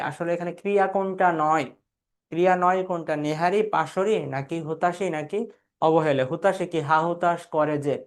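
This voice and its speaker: A young man with a Bangladeshi Bengali accent teaches an exam revision class. His voice sits a little high for a man. He keeps asking questions, answers them himself, and calls out students by name. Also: clean tone. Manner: quizzing and answering his own questions, calling out students' names. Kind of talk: live online exam-review class.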